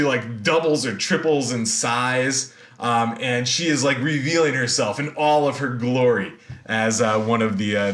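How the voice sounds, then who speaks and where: A man giving a recorded university lecture, retelling a myth in a slangy, animated way with lots of fillers. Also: on the high side, echoey room.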